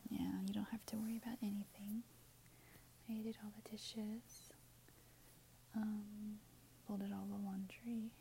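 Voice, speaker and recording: A woman speaking in a soft, soothing unvoiced whisper in an ASMR roleplay, gentle and caring. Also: medium pitch, little pitch movement, measured pace, gravelly, pauses often, a little hiss or hum, rough recording.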